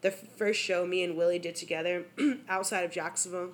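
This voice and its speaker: Animated young woman telling stories with laughter. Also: on the low side, brisk. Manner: animated storytelling, frequent laughter and swearing. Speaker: rapper and DJ guest. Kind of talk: casual interview chat.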